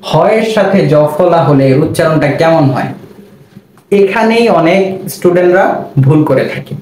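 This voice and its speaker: A man's voice: sits high, darkish tone. A man teaching a spelling and pronunciation lesson, saying each sound twice and asking the listener questions. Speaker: Bengali language teacher. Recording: roomy with faint background noise.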